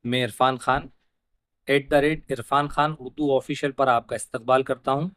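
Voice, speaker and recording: A man teaching an Urdu primer lesson, spelling out letters and vowel marks one by one, then explaining the rules in quicker asides. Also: mid-range voice, fairly even intonation, fairly bright tone, dry recording.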